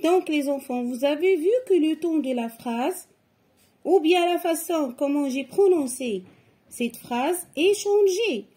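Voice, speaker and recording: Slow, patient woman teaching children. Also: high-pitched, expressive, dark tone. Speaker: French teacher. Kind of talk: children's grammar lesson.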